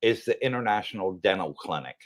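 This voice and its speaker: Lively-pitched American man chatting. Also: brisk. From United States. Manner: chatty storyteller, laughs often. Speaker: livestream co-host. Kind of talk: casual livestream chat.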